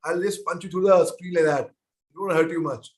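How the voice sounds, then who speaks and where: A man's voice: a little high, moderate pace. A man, a guest answering children's questions on a webinar call, playful and teasing as he talks straight to the kids. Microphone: video call.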